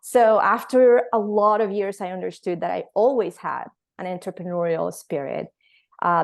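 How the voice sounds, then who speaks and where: Woman from Venezuela, lowish voice, chatty guest, storytelling, lots of fillers. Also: creaky, a little mellow. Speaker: guest, company founder. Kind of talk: casual interview answers.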